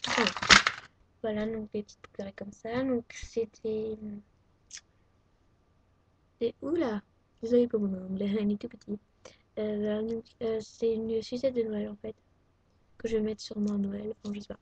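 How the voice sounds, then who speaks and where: Mellow and husky, this French teen craft vlogger speaks in a mid-range voice with fairly even intonation, a moderate pace and many pauses. She does a casual show-and-tell at home, chatty yet hesitant with lots of fillers. There's no room sound, though the dull lo-fi webcam audio carries a faint vacuum cleaner.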